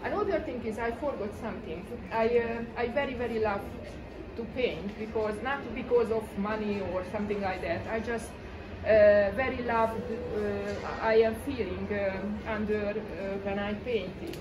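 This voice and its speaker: A woman in her forties from Hungary with a Hungarian accent, talking about her paintings in a halting way with many fillers. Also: mid-range voice, fairly even intonation. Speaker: exhibiting artist. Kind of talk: informal gallery talk. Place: small gallery room with pictures on the walls. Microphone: far camera. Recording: distant mic with room noise.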